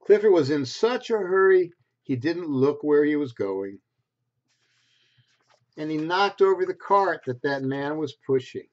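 A man in his sixties reads to preschoolers from a picture book at a measured pace, his pitch fairly high. The storytelling is expressive and easy for young children to follow, and he tosses in little asides. A computer webcam at desk distance records him indoors in a small home bedroom, giving a dull lo-fi result.

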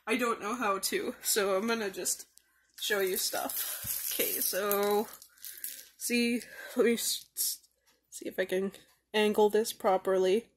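A young adult woman in a casual, rambling vlog chat, speaking haltingly. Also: mid-range voice, steady tone, slight background noise. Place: small room indoors. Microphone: phone or webcam at arm's length.

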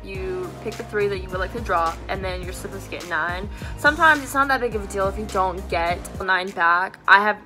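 A woman's voice: medium pitch, brisk, hardly any pauses, sharp tone, faint music behind. A young college woman chatting casually to camera as a vlogger, bubbly like a sorority girl, peppering her talk with filler words like "like" and "super". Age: young adult, college student. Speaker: student vlogger. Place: small dorm room.

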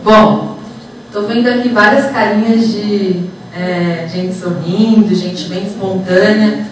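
Speaking slowly with fairly even intonation in a mid-range voice, a woman lectures students informally in an auditorium. She's a psychologist and HR professional giving a motivational talk, checking in with short tag questions. It's recorded from far off as her handheld mic plays through the room speakers, so the hall sounds echoey and noisy.

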